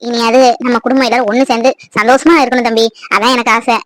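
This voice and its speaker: A gentle, peacemaking village mother from an animated family drama, voiced by a woman. She speaks slowly and pleadingly in a high voice. The recording is close and dry. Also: no echo, natural voice, rough recording. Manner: soft, pleading, slow.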